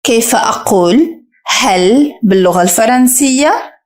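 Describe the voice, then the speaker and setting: Female language teacher, fairly high voice, unhurried, models words over and over for learners to repeat. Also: animated. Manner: slow, careful, repeats French words for the listener. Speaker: French teacher. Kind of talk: scripted language lesson.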